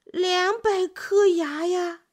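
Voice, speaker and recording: A woman voicing a slow, easygoing male snail in a children's storybook, drawling every word. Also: high-pitched, very animated, voice pushed up, heavily acted. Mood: earnest. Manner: drawls slowly.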